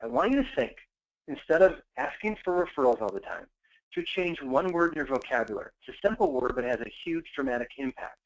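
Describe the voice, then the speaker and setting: A man giving an energetic sales training talk, coaching listeners and acting out customer conversations. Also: on the high side, a little fast. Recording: dull lo-fi call audio.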